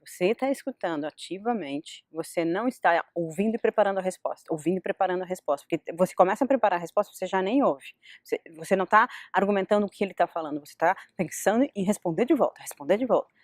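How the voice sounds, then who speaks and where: A middle-aged woman casually giving advice in a vlog, telling stories in an animated way. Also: medium pitch, fast talker, hardly any pauses, no room sound, studio quality. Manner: lively, animated storytelling with quoted dialogue. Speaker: vlogger.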